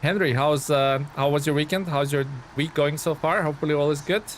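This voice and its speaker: A Lithuanian man keeps up loose live-stream chat while gaming, reading viewer comments and responding with plenty of fillers. His fairly high voice stays steady in tone and fairly quick, with slight background noise behind it.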